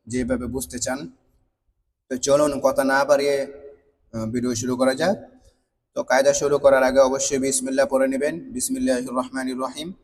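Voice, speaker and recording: A man's voice: medium pitch, in a large hall, slight background noise. A man teaching how to pronounce letters in a patient spoken lesson, repeating each step, asking rhetorical questions and drawing out example sounds. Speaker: Quran reading teacher.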